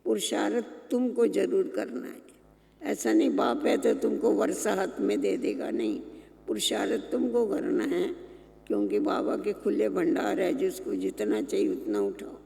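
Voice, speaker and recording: Slow, mellow spiritual teacher, man, very high and gravelly, echoing hall. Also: animated. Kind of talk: reading and explaining a spiritual text. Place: meditation centre hall.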